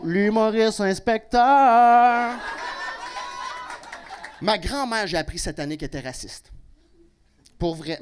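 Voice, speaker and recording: A young Québécois man doing a stand-up comedy set. He is brash and profane and breaks into sudden loud outbursts. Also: high voice. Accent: Québécois French. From Quebec. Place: comedy club stage with a live audience.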